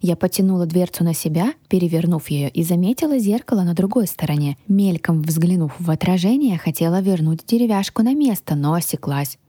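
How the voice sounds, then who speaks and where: Husky-voiced woman reading an audiobook. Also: on the low side, lively intonation, brisk, hardly any pauses, warm tone, dry recording, clean studio sound. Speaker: audiobook narrator. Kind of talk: audiobook reading in first person.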